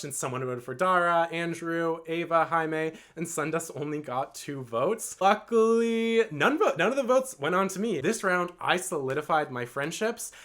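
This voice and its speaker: Male vlogger with a somewhat high voice, earnest and rambling, filler-heavy delivery. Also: sharp tone. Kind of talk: storytime vlog.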